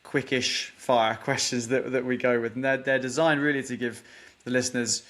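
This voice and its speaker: A man's voice: mid-range voice, level tone, normal speed, fairly bright tone. A man hosting a podcast interview, earnest and appreciative, often repeating words as he talks. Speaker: podcast host. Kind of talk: interview wrap-up, asking questions.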